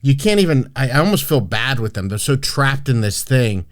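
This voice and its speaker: A man's voice: mid-range voice, very animated, normal speed. A man hosting a casual podcast, brash and profane, rambling with frequent restarts and fillers. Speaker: podcast host.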